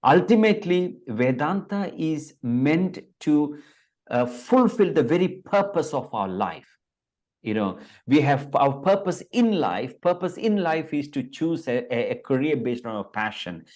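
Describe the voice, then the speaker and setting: A man's voice: a little high, sing-song, measured pace, darkish tone. A man in his fifties, from India, a Vedanta teacher speaking in an interview over a video call, hesitant and full of fillers and restarts.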